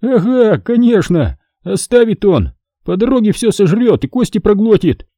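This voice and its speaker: Guy doing a shouty young soldier, high-pitched and rude, swings all over. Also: big pitch swings, normal speed, no room sound, clean studio sound, full character voice. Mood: angry. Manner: shouting, coarse insults. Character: hot-tempered young male soldier, loud and scolding.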